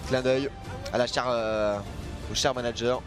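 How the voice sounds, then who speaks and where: A man's voice: medium pitch, steady tone, measured pace. A man doing live esports commentary as a caster, speaking emphatically and often repeating phrases for effect. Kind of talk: live esports commentary, excited play-by-play and analysis. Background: music under the voice.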